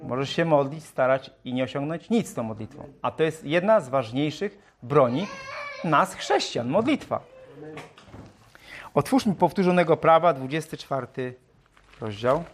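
A man preaching a sermon in a lively way, reading scripture aloud in a raised voice and joking with rhetorical questions. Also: a little high, moderate pace, a little hiss or hum. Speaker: pastor.

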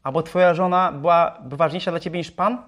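A man's voice: fairly high pitch, fairly even intonation, brisk, fairly bright tone. A man preaching a sermon, firing rhetorical questions at his congregation. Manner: self-described talker.

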